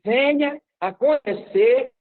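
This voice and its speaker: Guy talking real slow, audio glitching and cutting out, tinny call line. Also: extremely high pitch. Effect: glitchy, dropping audio from a bad internet connection. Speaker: community leader giving a talk in an online meeting. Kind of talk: slow formal address in short halting phrases. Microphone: video call.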